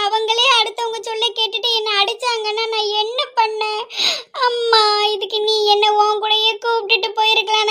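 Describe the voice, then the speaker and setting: A woman voicing a helpless young woman who laments slowly and tearfully. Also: extremely high pitch, fairly bright tone. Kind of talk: hobby audio drama.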